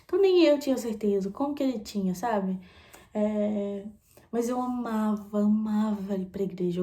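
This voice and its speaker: A young woman from Brazil chatting candidly in a casual vlog, repeating phrases and dropping into soft asides. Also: medium pitch. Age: young adult. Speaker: vlogger. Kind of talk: casual confessional chat.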